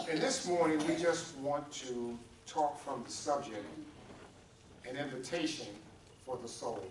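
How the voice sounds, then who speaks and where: A man's voice: mid-range voice, a little slow. A man preaching a sermon as pastor, calling on congregants by name and drawing call-and-response from them in a church sanctuary. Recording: roomy echo, distant mic, faint hum.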